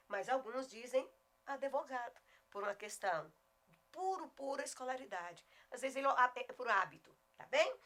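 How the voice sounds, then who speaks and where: A middle-aged woman with a Goiás Brazilian accent teaching a video lesson on spelling, emphatic and often slowing down to spell words out. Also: fairly high pitch, pushed and bright. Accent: Goiás Brazilian Portuguese. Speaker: Portuguese teacher.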